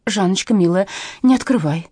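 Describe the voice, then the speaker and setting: A woman voicing an anxious, easily frightened woman writer, pleading, with a husky voice. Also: fairly low pitch, very animated, fairly quick, warm tone, no echo, clean studio sound, heavily acted. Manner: pleading, nervous.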